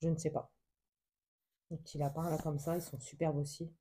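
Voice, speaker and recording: A woman vlogger showing a book haul in casual show-and-tell, soft and hesitant, full of fillers and gushing over every little picture. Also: deep voice, flat delivery, fairly quick, a little hiss or hum. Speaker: craft vlogger.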